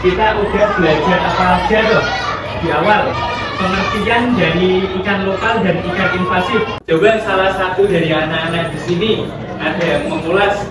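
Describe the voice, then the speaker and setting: A man's voice: high voice, steady tone, moderate pace, a loud crowd, very noisy. A young man teaching a primary school class, speaking directly to the pupils and asking them questions. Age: young adult. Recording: roomy classroom audio, mic far off.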